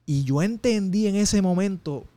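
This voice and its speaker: Man, interview guest, emotional testimony, slightly high and dry-sounding. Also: normal speed, dark tone, no room sound. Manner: intense, emotional storytelling with street slang. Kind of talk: personal testimony in conversation.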